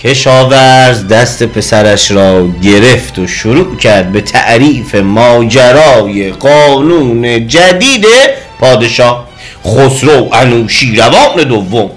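Male storyteller; expressive, rising and falling delivery, faint music bed. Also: medium pitch. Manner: lively, expressive reading. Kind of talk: storybook narration. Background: soft music.

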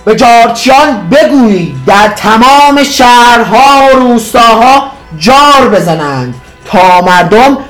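A man voicing a stern old king who gives loud, proclaiming commands in a storybook reading. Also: high-pitched, echoey room, voice pushed up, low-quality recording.

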